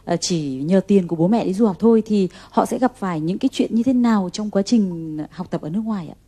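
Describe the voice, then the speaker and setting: Woman tv host, formal, quick, mellow tone. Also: mid-range voice, husky. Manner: formal, addresses viewers. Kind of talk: TV talk show hosting.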